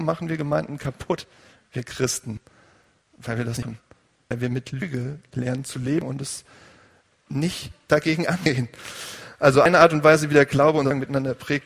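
Gravelly-voiced male pastor in a reverberant hall. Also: medium pitch. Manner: conversational preaching, asks the congregation questions. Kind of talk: sermon.

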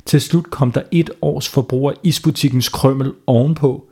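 A man's voice: medium pitch, steady tone, warm tone, breathy edge. A man telling a bedtime story to children in a playful way, stopping to ask them questions.

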